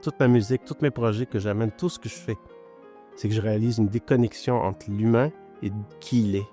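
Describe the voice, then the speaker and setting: A middle-aged man born in Lebanon speaks. He has a low voice and an earnest, searching delivery with small hesitations. Faint music runs behind him. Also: brisk, warm tone. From born in Lebanon, raised in Quebec. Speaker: multidisciplinary artist and musician. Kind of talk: interview testimony.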